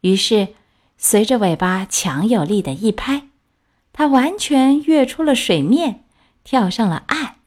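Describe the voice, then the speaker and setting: A woman gently reading a children's story aloud in an expressive way. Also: fairly high pitch.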